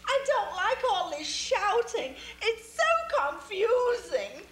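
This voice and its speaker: An actress playing a childlike, easily confused young woman in an amateur stage play, in a slow sing-song voice. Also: very high voice, very animated, a bit bright, full character voice. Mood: childish delight. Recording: echoey stage from far off.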